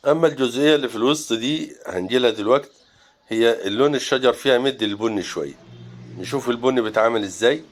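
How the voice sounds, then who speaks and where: A man with an Egyptian Arabic accent teaches landscape painting step by step. He talks in a relaxed way and pauses often to think aloud while he mixes colors. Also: mid-range voice.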